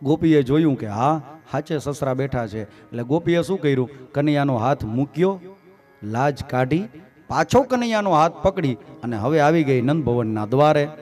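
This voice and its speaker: A man's voice: mid-range voice, animated, normal speed, darkish tone. A man telling a sacred story to a live gathering, folksy and humorous. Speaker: scripture storyteller. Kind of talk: devotional storytelling discourse. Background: faint instrumental music.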